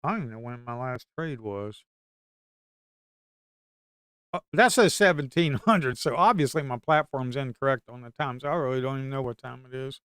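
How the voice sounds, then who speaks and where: A man's voice: mid-range voice, normal speed, pauses often, a bit bright, clean tone, dry recording, studio quality. A middle-aged man from the Blue Ridge Mountains with an Appalachian Southern accent, chatting casually and crudely on a trading stream and telling rambling stories. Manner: rambling storyteller, folksy and crude, bursts into hollers. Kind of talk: casual live-stream chat.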